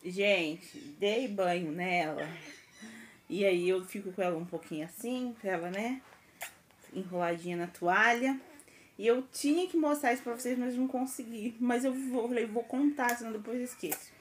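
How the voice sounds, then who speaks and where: A woman's voice: mid-range voice, normal speed, slight background noise. A young Brazilian woman, a mother, chatting to her viewers in a casual home vlog. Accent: Brazilian Portuguese. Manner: chatty, keeps addressing viewers. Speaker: vlogger and mother.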